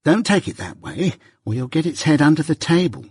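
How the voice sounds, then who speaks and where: A brisk female nursemaid, put on by a man reading a storybook, sharp and bossy. The voice is raised well up in pitch, with a very husky grain. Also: sing-song, no room sound, studio quality, exaggerated voice. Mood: bossy instructing. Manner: sharp, instructing.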